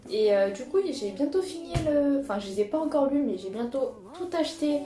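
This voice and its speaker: A woman's voice: sits high, animated, a little fast, mellow. A young woman chatting casually about her manga purchases, hesitant and full of fillers and restarts. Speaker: manga vlogger. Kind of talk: casual chat showing purchases. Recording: echoey room with music behind.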